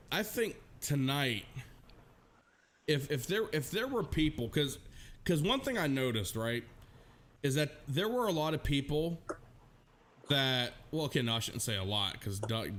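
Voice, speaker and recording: A man's voice: mid-range voice, lively intonation, normal speed, fairly bright tone. A man co-hosting a casual livestream chat, rambling and swearing with many restarts. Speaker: livestream co-host.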